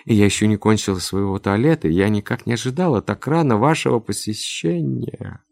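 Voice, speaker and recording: A man's voice: fairly low pitch, a little fast, creaky, a little mellow, no room sound, voice pushed up. A man reading aloud, voicing an affected, fussy middle-aged woman in a storybook tale with simpering speech.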